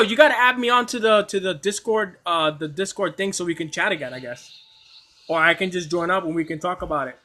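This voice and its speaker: Excitable stammering young-sounding man. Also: high-pitched. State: coughing at times. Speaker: anime streamer. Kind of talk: casual livestream chat.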